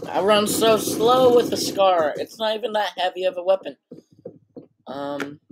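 Teen gamer, voice cracking, excitable, slightly high pitch, unhurried, noisy track with mouse clicks. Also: male voice. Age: teens. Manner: excitable, blurting reactions. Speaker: gameplay commentator. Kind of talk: casual gameplay commentary.

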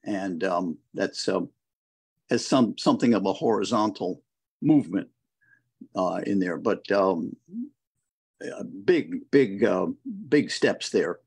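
A man co-hosting a conversational Bible study over a video call, reflecting slowly and reading scripture verses aloud. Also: deep voice, expressive, darkish tone, husky.

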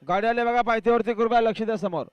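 A man giving live race commentary over an outdoor loudspeaker, heard from a distance, urgently calling the crowd to watch. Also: extremely high pitch, quick pace, clean tone, no room sound, dull audio. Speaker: race announcer.

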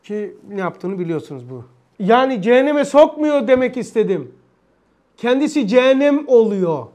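A man teaching a religious lesson, telling stories in an animated, emphatic way and repeating phrases. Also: very high voice, moderate pace. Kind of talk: storytelling lesson.

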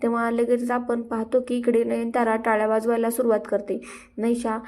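A woman narrating a TV serial recap in a steady retelling manner with frequent filler words. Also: a little high, normal speed.

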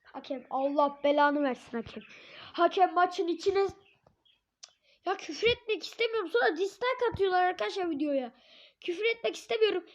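A hoarse woman giving live gameplay commentary, swearing and yelling at the referee in frustration. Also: very high-pitched, lively intonation, normal speed. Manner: shouts at the referee, curses and rants in frustration. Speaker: gamer. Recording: dull lo-fi recording.

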